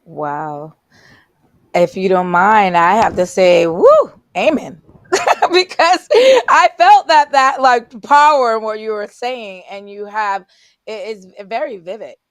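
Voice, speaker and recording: A woman's voice: mid-range voice, slow, dry recording. A woman hosting a talk show, reacting in an effusive, exclamatory way. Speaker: host. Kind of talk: casual interview chat.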